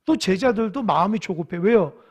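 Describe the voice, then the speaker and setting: A man's voice: high-pitched, lively intonation, fairly quick, husky. A man preaching a sermon at a midweek church service, talking conversationally, asking the congregation questions and acting out biblical figures. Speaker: pastor. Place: church sanctuary.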